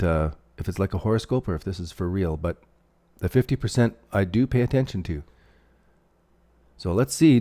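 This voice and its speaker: Canadian male streamer, low, mellow voice, loose rambling delivery while he reads chat and marks up charts. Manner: rambling, thinks aloud while drawing on charts; reads out and answers viewer chat. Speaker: crypto livestream host. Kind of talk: casual livestream chart commentary.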